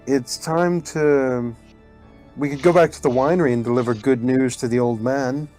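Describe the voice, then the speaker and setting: Measured male gamer, mid-pitched voice. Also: fairly even intonation, darkish tone. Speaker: tabletop game player. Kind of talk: casual in-game chat. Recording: music behind the voice.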